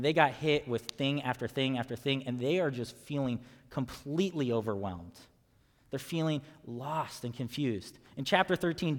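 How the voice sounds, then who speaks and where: A man, a pastor, giving a casual, conversational sermon with playful asides and light humor. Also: mid-range voice. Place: church sanctuary. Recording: long reverb of a large hall.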